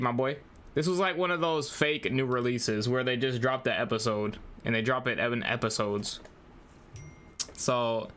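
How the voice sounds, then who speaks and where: A young man streaming a game chats casually with his viewers in a medium-pitched, slightly bright voice. He talks in slang and treats the chat like buddies, calling them bro and y'all.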